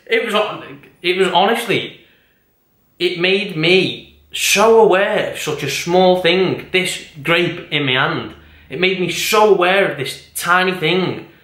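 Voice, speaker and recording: A young man vlogs at home, talking casually and at length in a rambling, self-deprecating way full of tangents. His voice sits high and a bit bright, and the room sounds echoey.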